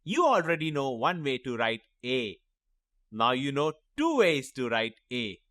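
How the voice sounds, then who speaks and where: Slow, lively-voiced man teaching phonics. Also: medium pitch, background noise. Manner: slow, clearly sounding out each letter and word; encouraging, addresses young children directly. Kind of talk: children's phonics lesson.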